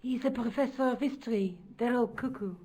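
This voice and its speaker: A woman's voice: fairly high pitch, a little fast, dark tone, soft background music, lightly acted, low-quality recording. A woman voicing a self-assured young journalist in a video game, dry and matter-of-fact.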